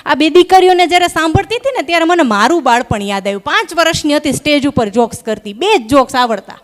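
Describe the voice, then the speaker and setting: A woman's voice: high voice, animated, quick pace. A young woman performs stand-up on a live stage. She talks into a stage microphone, chatty and teasing with the crowd. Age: young adult. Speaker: stand-up comedian. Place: live stage at an event hall.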